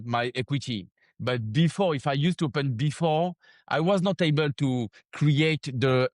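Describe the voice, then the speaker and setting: A man's voice: medium pitch, no echo. A man with a French accent answering interview questions in broken English, searching for words and slipping on grammar. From France. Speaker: founder of a gym franchise, interview guest.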